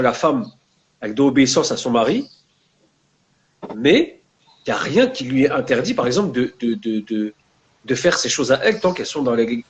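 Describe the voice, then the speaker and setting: Heard on a low-quality recording, this mid-range male voice belongs to a young author appearing as a guest. Raised in France in a Maghrebi family, he speaks casually with an urban accent, mixing slang with Arabic religious vocabulary.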